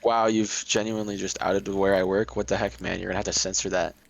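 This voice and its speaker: A young man co-hosting a podcast in casual chat, rambling and halting with lots of fillers and restarts. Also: sits low, level tone, creaky, noisy background. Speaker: podcast co-host.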